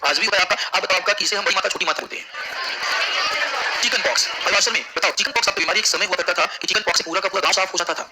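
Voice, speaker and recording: Male geography teacher, rapid-fire call-and-response lecturing, high bright voice, faint room noise. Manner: drills students with repeated questions. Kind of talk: classroom lecture. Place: classroom.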